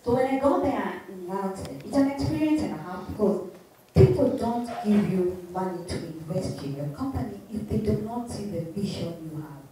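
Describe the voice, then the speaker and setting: A mellow-voiced woman with a Kikuyu Kenyan accent speaks emphatically in a motivational interview style. She repeats her phrases and throws out rhetorical questions. The room is very echoey and the microphone sounds distant. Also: medium pitch, lively intonation, moderate pace. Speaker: interview guest, entrepreneur. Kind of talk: animated motivational interview talk. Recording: very echoey room, distant mic, faint noise.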